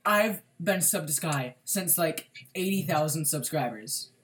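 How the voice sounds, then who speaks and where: A young man in a casual chat with friends, excitable and protesting, quick to laugh. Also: a little high. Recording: voice away from the mic, busy background.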